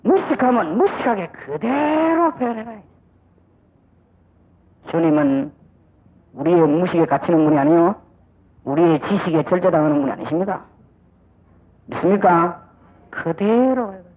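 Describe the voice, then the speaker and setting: A man's voice: high-pitched, expressive, moderate pace, long pauses. An older man preaching a sermon as pastor, with a Gyeongsang accent and emphatic delivery, acting out little dialogues. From Busan, South Korea. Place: church sanctuary. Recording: dull old audio recording.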